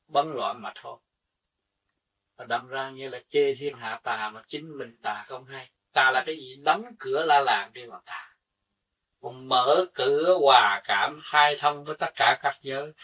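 Husky-voiced man preaching in a distant, lo-fi recording. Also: medium pitch, pushed and bright. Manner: earnest teaching with rhetorical questions. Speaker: spiritual teacher. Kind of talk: sermon.

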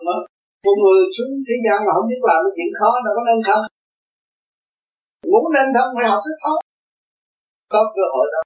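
A man's voice: high voice, animated, fairly quick, long pauses, highs cut off, faint music behind. A man teaching as a Buddhist teacher in an earnest dharma talk, often checking that his listener understands. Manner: earnest, repeating questions like "see?".

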